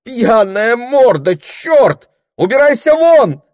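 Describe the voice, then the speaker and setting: A man's voice: expressive, normal speed. A man reading aloud, voicing a flustered middle-aged woman shop owner who scolds curtly and shrilly. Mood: shrill scolding. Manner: curt scolding, shrill outbursts.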